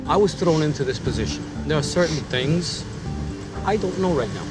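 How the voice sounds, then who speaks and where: A man's voice: on the high side, animated, moderate pace, loud music behind the voice. A middle-aged man, a restaurant manager, answering bluntly and defensively outdoors at night.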